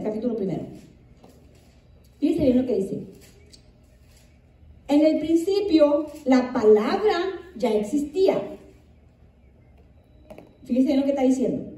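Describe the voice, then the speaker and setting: A woman's voice: sits high, mellow. A woman pastor preaching a sermon. She reads scripture aloud, repeats it for emphasis and asks the congregation questions. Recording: echoey room, distant mic.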